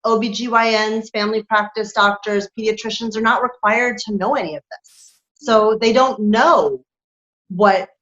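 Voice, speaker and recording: A woman's voice: on the high side, fairly even intonation, normal speed, a bit bright. A woman lactation consultant talking candidly and with animation in an interview, laughing through her points. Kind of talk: conversational interview. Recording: dull lo-fi sound.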